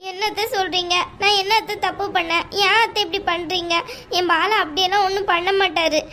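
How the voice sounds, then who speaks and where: A woman's voice: very high voice, fairly even intonation, fairly quick, bright, forceful tone, slight background noise, heavily acted. A woman voicing a young, newly married wife who pleads tearfully with her mother-in-law in an amateur audio drama. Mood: pleading.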